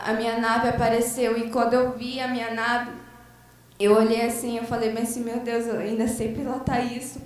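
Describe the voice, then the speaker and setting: A Brazilian woman with a Brazilian Portuguese accent giving a fervent church testimony, retelling a vision full of quoted lines. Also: on the high side. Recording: very echoey church, voice far from the mic.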